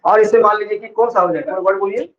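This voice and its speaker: Here a man with a high-pitched voice and fairly bright tone teaches vowels like a classroom lecture, going slowly, elongating his example words, and frequently confirming that students understand. It's recorded with a dull, lo-fi quality.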